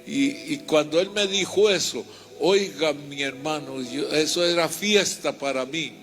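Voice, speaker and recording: A man's voice: a little high, measured pace, a bit bright, faint music behind. An older man, a reverend, giving a fervent personal testimony and retelling his story in repetitive, heartfelt bursts.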